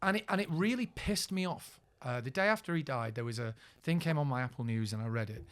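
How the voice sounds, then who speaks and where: A man co-hosting a podcast, telling stories in a frank, animated way from a small booth. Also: mid-range voice, quick pace. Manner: animated storyteller, frank and expressive. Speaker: podcast co-host. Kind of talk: casual chat.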